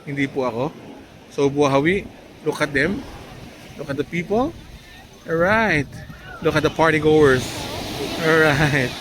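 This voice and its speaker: Casual beach vlogger, man, chatty and warm with a baby, slightly high voice, on a handheld camera with surf noise behind. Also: unhurried, pauses often. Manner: chatty, coos and teases a baby in a lifted voice. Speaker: travel vlogger. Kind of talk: casual vlog narration. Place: beach outdoors at sunset. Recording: outdoor noise from waves and wind. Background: sea and surf noise.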